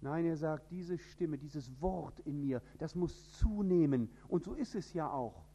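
A man from northern Germany with a standard High German accent, preaching an emphatic sermon. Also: animated, unhurried, a little hiss or hum. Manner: emphatic, with sudden rises in pitch and loudness.

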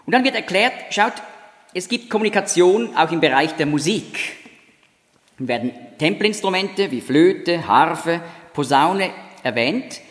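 A man preaching in a high, lively voice that climbs and dips through every phrase. He explains scripture point by point and now and then acts out sounds to illustrate. His voice carries the long reverb of a large hall. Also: measured pace. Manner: explains with demonstrations, imitates sounds. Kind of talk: sermon.

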